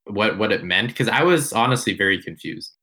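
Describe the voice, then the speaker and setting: A man's voice: fairly low pitch, expressive, brisk, bright, forceful tone. A man co-hosting a film podcast, talking casually, rambling and correcting himself as he goes. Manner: rambling, self-correcting, unsure. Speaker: podcast co-host.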